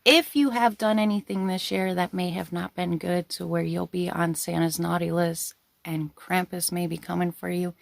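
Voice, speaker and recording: Low-pitched, gravelly woman telling stories casually. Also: fairly even intonation, normal speed, hardly any pauses, no room sound. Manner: giggly, breaking into laughter while talking. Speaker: storyteller and video host. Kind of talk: casual spoken storytelling to viewers.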